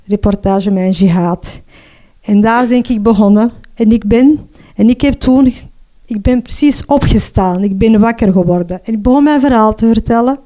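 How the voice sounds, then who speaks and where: A middle-aged Flemish woman giving a personal testimony in an earnest, halting way, often ending with a questioning tag. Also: on the high side, warm tone. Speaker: mother telling her story.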